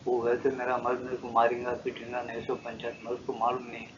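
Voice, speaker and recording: A frightened queen begging for rescue, put on by an older male storyteller, low-pitched and subdued rather than high. The sound is dull and lo-fi, with a faint hiss behind it. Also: completely flat delivery, brisk, close to an everyday voice. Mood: pleading. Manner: anxious, pleading. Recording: dull lo-fi old tape.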